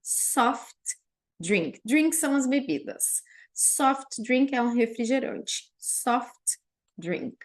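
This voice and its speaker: A young woman from Paraná with a Brazilian Portuguese accent, teaching English vocabulary and slowly repeating each word for her students. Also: high voice, animated. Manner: drills English words slowly and repeats them for learners. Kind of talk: online vocabulary lesson.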